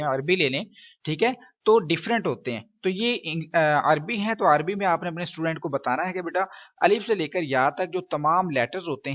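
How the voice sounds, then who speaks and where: The audio is dull, carrying a slightly high male voice giving an instructional lesson to teachers on reading the Quran. He moves step by step, frequently checking understanding and asking questions he answers himself.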